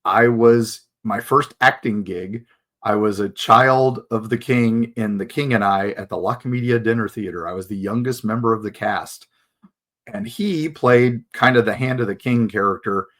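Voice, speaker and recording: A man's voice: on the low side, moderate pace, fairly bright tone. An American man in his fifties hosting a casual reminiscing monologue, talking in an informal, enthusiastic fan's manner. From United States. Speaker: host.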